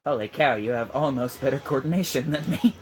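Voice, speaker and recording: This guy talks fairly quickly in a medium pitch while game music plays behind him. It's a laid-back let's-play session where he ribs his friend at the controls beside him and coaches him with pointers.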